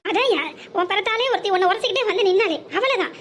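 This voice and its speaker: A woman's voice: extremely high pitch, quick pace, fairly bright tone, slight background noise. A woman voicing an old grandmother in a cartoon, wailing and scolding in a reproachful way. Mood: lamenting. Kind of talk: cartoon voice acting.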